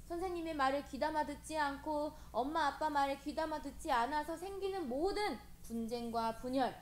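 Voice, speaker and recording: A woman preaching to children, animated and gently coaxing, often asking them questions. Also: high voice. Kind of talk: children's sermon. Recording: echoey room with faint hiss.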